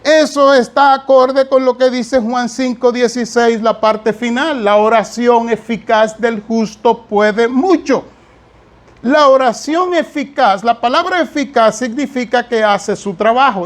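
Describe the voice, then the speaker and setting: Emphatic high-voiced male pastor preaching. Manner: emphatic, repetitive preaching with asides to the congregation. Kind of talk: sermon.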